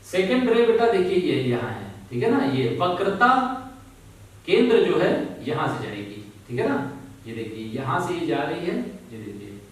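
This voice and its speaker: A man teaching a physics lesson to students, speaking slowly, repeating key words and often checking that they follow. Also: a little high, sing-song. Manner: slow, repeats key words, keeps asking "ठीक है ना?"; calls students "बेटा". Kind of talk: classroom lesson. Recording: very echoey room, voice from far off.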